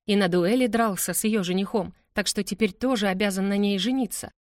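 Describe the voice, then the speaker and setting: A woman's voice: medium pitch, no echo, clean studio sound, lightly acted. A woman reading an audiobook, voicing an eager young sister who blurts out her words and pleads. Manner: pleading, breathless, rushed. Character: impulsive teenage sister, pleading girl.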